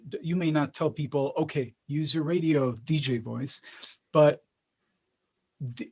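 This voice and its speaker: A middle-aged man from Israel hosting a casual interview, quick to jump in and restarting his questions as he goes. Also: a little high. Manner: lively, repeats and restarts words when asking questions. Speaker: host.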